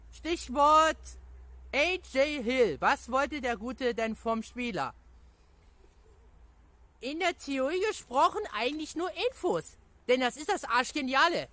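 Excitable youtuber rambling at viewers, bright voice, dry close sound. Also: medium pitch, no echo. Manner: rambling, chatty, repeats catchphrases and fillers; excitable, laughs often. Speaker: gaming YouTuber answering viewer questions. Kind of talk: casual video reply to viewers.

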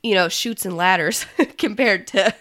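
A woman's voice: medium pitch, measured pace, a bit bright. A woman co-hosting a podcast, chatting casually with plenty of ums and easy laughs. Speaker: podcast co-host. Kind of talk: casual chat.

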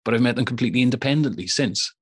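A man hosting a podcast interview over a call, relaxed and friendly, often repeating words as he starts a question. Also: medium pitch, rapid-fire, breathy edge, no echo. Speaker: podcast host. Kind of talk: casual interview chat.

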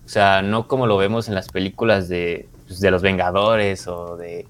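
Low-voiced Mexican man chatting casually. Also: level tone, normal speed. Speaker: podcast co-host and series reviewer. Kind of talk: casual chat review.

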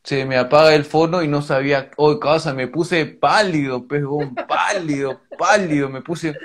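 Slangy young Peruvian man, high voice. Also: normal speed. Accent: Peruvian Spanish, Lima slang. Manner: animated street-slang storytelling, heavy fillers, swearing. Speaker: storyteller. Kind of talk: casual chat.

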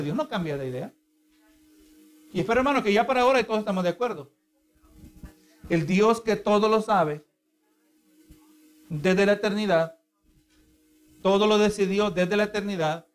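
High-voiced Spanish-speaking male preacher. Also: moderate pace, long pauses. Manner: teaching tone, rhetorical questions to the congregation. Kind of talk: sermon.

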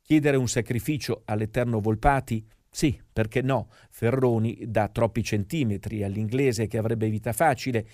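A man's voice: medium pitch, fairly even intonation, moderate pace, few pauses, a little mellow, no room sound, clean studio sound. A man narrating scripted football history in a dramatic storytelling manner.

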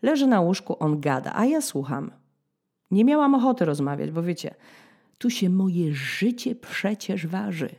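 A woman in her thirties from Poland hosting a podcast, telling a story in a dramatic, ironic way, with sudden high-pitched bursts as she acts out scenes. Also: sing-song, measured pace, a little mellow. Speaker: podcast host. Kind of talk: storytelling monologue.

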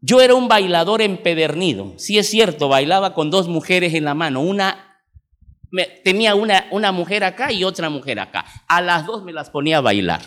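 A Mexican pastor in his forties with a high voice, preaching in an animated, emphatic storytelling style. His words carry through the long reverb of a large church hall. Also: brisk. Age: 40s. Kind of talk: sermon.

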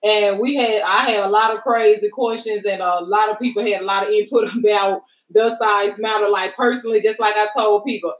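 A woman's voice: mid-range voice, steady tone, brisk, few pauses. A woman with an American accent hosting a podcast in a casual, chatty way, informal and rambling. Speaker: podcast host. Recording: roomy, distant, slightly dull mic.

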